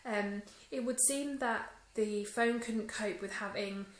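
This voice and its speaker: A woman's voice: mid-range voice, slow. Woman rambling thru a phone review, lots of ums, recorded on a handheld phone in an echoey room. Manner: chatty, many ums, mildly disappointed. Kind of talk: casual vlog review. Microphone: phone held at arm's length.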